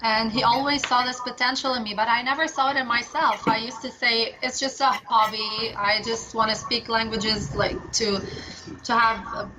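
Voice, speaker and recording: Chatty lively woman translator, kinda high voice, clicky noisy recording. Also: normal speed. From Lebanon. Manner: energetic, chatty, many restarts. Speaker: translator and interpreter. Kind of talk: casual interview answers.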